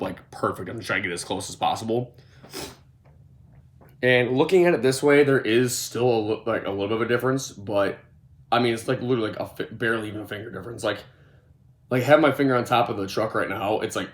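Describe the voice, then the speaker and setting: Hoarse with a cold, a man in his twenties casually shows off his skateboard setup in a mid-range voice, stumbling through fillers and restarts. He wanders as he talks, captured by a moving phone or camera in an echoing room with a gym mat.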